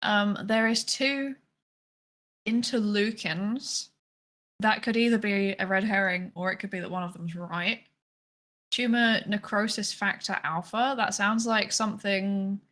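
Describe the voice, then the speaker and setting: A woman's voice: mid-range voice, fairly bright tone. A woman playing along in a trivia quiz over a voice call, reasoning aloud and joking. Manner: reasons aloud, playful jokes. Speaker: quiz contestant. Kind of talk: casual streamed quiz chat.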